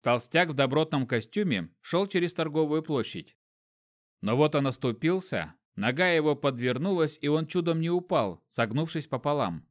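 A man narrating a fantasy novel as an audiobook reader, lively and expressive. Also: on the high side, normal speed.

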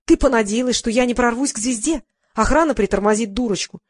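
A woman's voice: fairly high pitch, fast, husky, no room sound. Woman doing a defiant teen girl, accusing, mocking, audiobook, dry close sound. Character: furious defiant 13-year-old girl.

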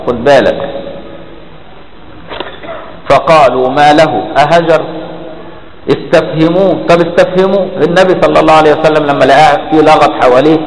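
A man with an Egyptian Arabic accent teaching a classical religious text in a colloquial lecture, often asking his listeners rhetorical questions to check they follow. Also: on the high side. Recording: echoey hall reverb, faint background noise.

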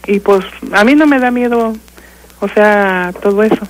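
An older woman with a Mexican accent, calling in to a radio show and haltingly telling a ghost story, full of fillers and restarts. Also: mid-range voice, slight background noise, low-quality recording. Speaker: caller.

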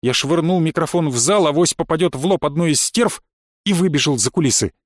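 Male audiobook narrator, dry studio, fairly high voice. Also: fairly quick, no echo. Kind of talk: first-person audiobook narration.

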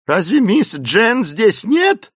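A man's voice: sing-song, slow, no echo, clean studio sound, exaggerated voice. A man doing a shrieking, hysterical old servant woman. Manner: shrill wailing pleas, sobbing cries. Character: hysterical elderly woman servant, terrified and wailing. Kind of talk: audiobook character voice.

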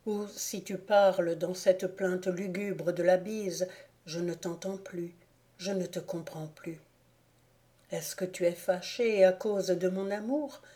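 A frightened young man pleads in the dark, his voice soft and hushed, spoken slowly by a woman reading him aloud in an audiobook. The tone is low and mellow, never sharp, with a warm, dark color. He sounds lost and desperate, begging for an answer. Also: fairly even intonation. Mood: anguished. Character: anguished young man calling to his dead mother.

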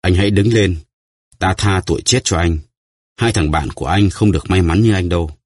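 A man voicing a stern, vengeful nobleman who speaks gravely and with command, in a deep husky voice. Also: darkish tone, dry recording, studio quality. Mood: solemn. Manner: grave, measured.

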